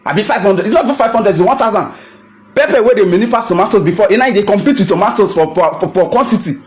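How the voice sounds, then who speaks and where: Speaking fast with a breathy edge, this young adult man's high voice rises and falls lively. He's a Nigerian photographer in an impassioned rant to camera, switching between English and Pidgin and pounding on rhetorical questions.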